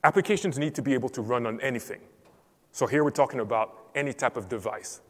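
Wearing a headset mic, a man from Cameroon gives a technical presentation on a large conference stage, clear and well ordered. He talks fast in a medium-pitched, slightly bright voice that echoes with the hall's long reverb.

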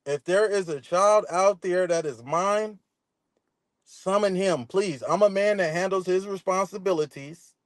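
A man on a live stream video call answering questions defensively, repeating himself with halting restarts. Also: sits high, no echo.

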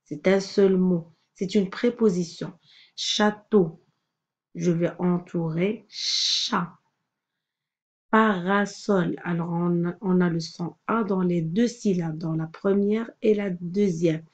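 A woman teaching a phonics lesson to young children, patiently sounding out each word slowly. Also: on the low side, fairly even intonation, darkish tone, muffled recording.

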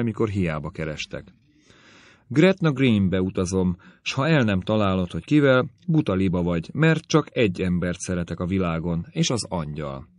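Low-voiced man doing a silly reckless teen girl, slow lilting audiobook read, dry sound. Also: a little mellow, dry recording. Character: giddy, reckless teenage girl writing a letter. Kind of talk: audiobook character reading.

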